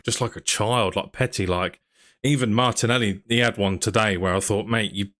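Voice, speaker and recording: On his laid-back football podcast, a young male host chats, asks questions, and reads out what viewers have commented. His voice is on the low side and a bit bright, delivered at a normal speed.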